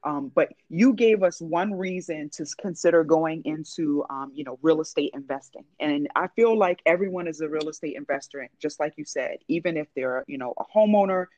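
A woman's voice: sits low, moderate pace, few pauses, a little mellow, dry recording, lo-fi sound. Chatty New York woman hosting. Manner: chatty, many fillers and repeated words. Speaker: podcast host. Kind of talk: casual conversational interview.

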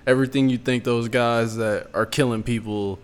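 A man talking in loose, animated casual chat. His pitch sits in an ordinary middle range, and he speaks in a slangy, easygoing way with plenty of fillers. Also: moderate pace, smooth.

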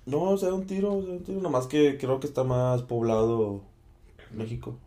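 A man's voice: medium pitch, steady tone, moderate pace, dark tone. A young man, chatting casually and teasing his friends in slang. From Mexico. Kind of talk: casual chat.

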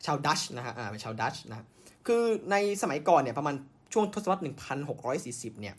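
A man's voice: mid-range voice, lively intonation, quick pace. A man hosting a podcast, telling science history in a casual way, with many fillers and self-corrections. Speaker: podcast host.

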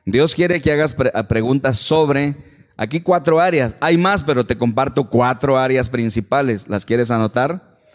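Emphatic pastor in a reverberant hall. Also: male voice, mid-range voice, normal speed. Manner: emphatic, rhetorical questions to the congregation. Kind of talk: sermon.

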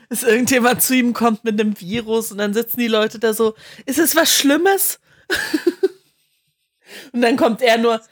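A woman's voice: fairly high pitch, slow, pauses often, dry recording, clean studio sound. Give me a young woman on a clipping, distorted mic. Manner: laughs often while telling stories. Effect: clipping, overdriven distorted mic. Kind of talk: casual chat.

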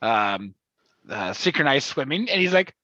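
Animated man on a lo-fi video call. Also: mid-range voice, a little slow, no room sound. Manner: animated, laughs often, swears casually. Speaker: podcast co-host. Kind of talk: casual chat.

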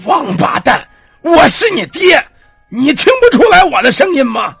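A man voicing the ghost of a dead old father who speaks through his daughter-in-law, slow and commanding. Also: very high-pitched, very animated, creaky, a bit bright, dry recording, faint music behind, voice pushed up, exaggerated voice. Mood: angry. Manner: slow, drawn-out, commanding speech.

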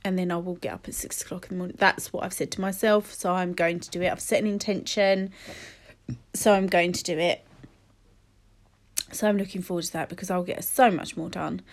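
A woman's voice: lowish voice, steady tone, fairly quick. A woman, chatting casually and rambling with many fillers while sniffly from a cold. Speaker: podcast host. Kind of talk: casual solo chat.

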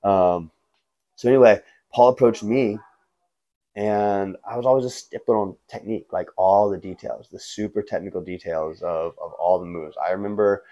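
A man with a somewhat low voice tells stories in casual conversation. His manner is laid-back frat bro, with slangy asides and frequent check-ins with the listener. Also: steady tone, normal speed, warm tone. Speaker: guest, martial arts instructor and skateboarder. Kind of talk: casual chat, telling stories.

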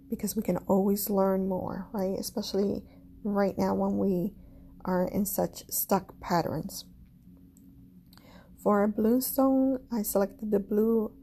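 A woman with a Caribbean accent hosting a spiritual podcast, talking slowly and gently with self-deprecating asides. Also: medium pitch, gravelly, slightly rough. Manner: slow, gentle and self-deprecating, with soft laughs. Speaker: podcast host, astrology and crystal reader. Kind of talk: casual spiritual podcast monologue.

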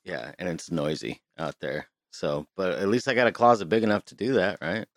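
A man with a low-sitting voice talks at a moderate pace on a dry recording. He's a podcast co-host having a casual chat, swearing freely and restarting often, all from inside a small closet.

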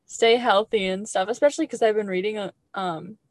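A young woman in her twenties speaks in a relaxed, meandering way and often pokes fun at herself. Her pitch is in the ordinary middle range. The voice is recorded close and dry. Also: a little fast, dry recording. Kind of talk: casual chat.

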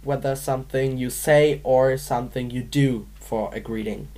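A woman's voice: extremely low pitch, normal speed, warm tone. A woman from Manchester co-hosting a podcast, giggly and playful while chatting through a word game. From Manchester, England. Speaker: podcast co-host. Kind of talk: casual game chat.

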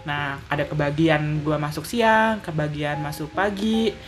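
A man from Lampung, Indonesia, telling stories in a casual chat as co-host, relaxed and quick to laugh. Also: fairly high pitch, soft background music. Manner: laid-back storytelling, laughs often.

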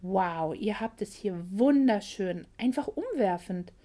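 A woman voicing an excitable, scatterbrained young heroine in a storybook reading, lively and easily flustered. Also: medium pitch, takes it slowly.

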